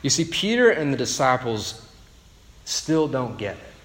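Slow-paced preacher man in a reverberant hall. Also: medium pitch, big pitch swings. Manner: conversational preaching with rhetorical "right?". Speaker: pastor. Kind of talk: sermon.

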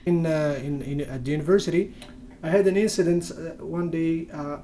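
A young Moroccan man whose first language is Berber (Tamazight) speaks English in a conversational interview, hesitant and full of fillers and restarts. His voice is a little high and warm at normal speed, with a little hiss or hum in the recording.

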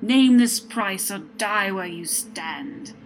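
A woman's voice: medium pitch, animated, takes it slowly. A woman voicing a proud, ruthless male warrior lord who talks in a commanding, seething way. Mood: angry.

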